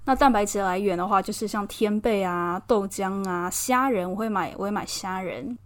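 A woman's voice: mid-range voice, moderate pace. A woman from Taiwan with a Taiwanese Mandarin accent, chatting casually and expressively as a podcast host, laughing often. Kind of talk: casual personal chat.

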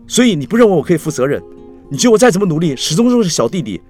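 A drunk, desperate young man whose voice shoots high and loud, indignant and pleading in a storybook telling, as a male narrator puts him on. He sounds lively and strained. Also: very fast, soft background music. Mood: pleading outburst.

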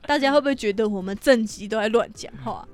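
Fast, animated young woman. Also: a little high, faint music behind. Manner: animated, profane storyteller. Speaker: podcast co-host. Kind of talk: casual podcast chat.

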